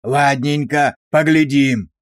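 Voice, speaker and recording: A man voicing a brutal, abusive male drill sergeant who barks insults with slow, hammering emphasis. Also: mid-range voice, no room sound, clean studio sound, close to an everyday voice. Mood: bellowing.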